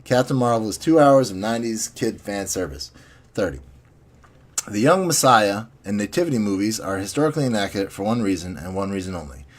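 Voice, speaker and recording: A low-pitched man hosts a small magazine's podcast, chatting casually with occasional swearing. He reads listener submissions and poems aloud.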